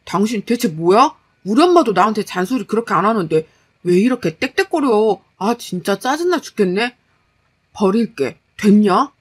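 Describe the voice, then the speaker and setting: A woman's voice: medium pitch, lively intonation, normal speed, breathy edge. A woman voicing a lazy, defensive young husband who sounds whiny, dismissive and irritable. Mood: irritated. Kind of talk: storytelling dialogue.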